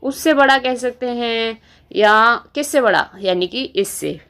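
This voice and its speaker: Slow, patient Hindi grammar teacher, woman. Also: a little high. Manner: slow, repetitive explaining with frequent rhetorical questions. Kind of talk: classroom grammar lesson.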